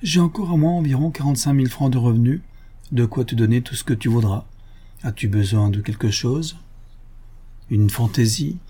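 A man playing a devoted older father who turns indignant and forceful when roused. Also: mid-range voice, normal speed, breathy edge, natural voice. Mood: indulgent.

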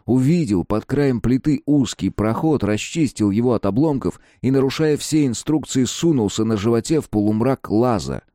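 A man reading a story aloud in an expressive, dramatic narration. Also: medium pitch, no echo, clean studio sound. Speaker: audiobook narrator. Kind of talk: scripted narration.

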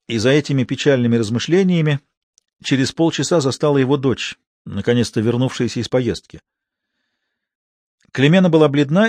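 A man narrating an audiobook in a measured, steady reading style. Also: medium pitch, dry recording, clean studio sound. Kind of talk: scripted narration.

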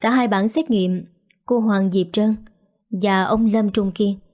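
A woman reading the lines of a calm middle-aged male deputy director in a quiet, formal way. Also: medium pitch, slow pace, natural voice.

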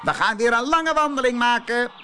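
Bossy, strutting storybook rooster barking shrill orders, put on by a man narrator. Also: normal speed, bright, forceful tone, soft background music. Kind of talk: storybook reading.

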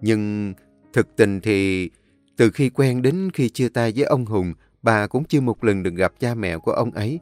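A man narrating a story in a calm, measured, solemn way. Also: on the low side, no room sound, soft background music.

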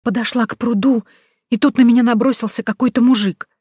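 A frightened teenage girl hiding in the bushes, as a woman puts her on, her voice pitched high and breaking into tearful, pleading whispers. It sounds dry and close, with no room around it. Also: normal speed, breathy edge, no room sound.

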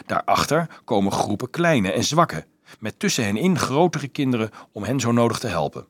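A man's voice: medium pitch, sing-song, normal speed, no room sound. A man voicing a resolute teenage boy leader who lays out plans firmly in an audiobook. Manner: firm, explaining, sometimes angry.

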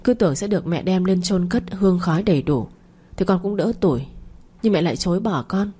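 A woman's voice: lowish voice, a little fast, warm tone, husky. A woman voicing the ghost of a dead baby boy who weeps and accuses his mother. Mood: bitter. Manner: tearful, accusing.

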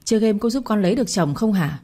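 A woman's voice: mid-range voice, lively intonation, fast talker, mellow, pitched above the performer's own voice, close to an everyday voice. A woman voicing a stubborn middle-aged mother who scolds her daughter with blunt commands, in a storybook reading. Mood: scolding.

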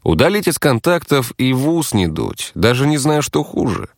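A man narrating a first-person fantasy audiobook, expressive and conversational. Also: mid-range voice, normal speed, no room sound, clean studio sound.

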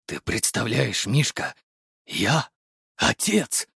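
A man reading an audiobook, voicing a gruff bearded army captain and new father who talks low and hushed, choked with emotion. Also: sing-song, slow, no echo, clean studio sound, heavily acted. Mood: moved. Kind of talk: audiobook character voice.

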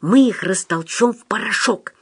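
A woman voicing a manipulative male psychiatric patient who talks in a low, insistent, conspiratorial way. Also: normal speed, husky, no room sound, studio quality. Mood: scheming.

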